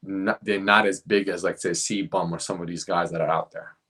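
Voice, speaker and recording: A man's voice: low-pitched, steady tone, fairly quick, sharp tone, slightly rough. A young man, a fitness coach, chatting casually and rambling a little, often tossing in "man" at the end of a phrase. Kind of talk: casual podcast chat.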